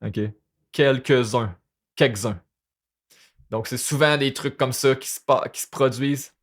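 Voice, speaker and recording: A man's voice: medium pitch, steady tone, normal speed. A man with a Québécois French accent teaching a lesson, breaking down rap lyrics line by line and repeating words to show pronunciation. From Quebec.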